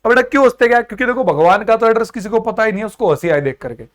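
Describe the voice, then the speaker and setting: A young man with a fairly high voice teaches an exam-prep lesson. He mixes Hindi with English and slips into acted-out character voices to keep the class engaged. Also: lively intonation, racing. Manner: explains in Hindi mixed with English, acts out characters.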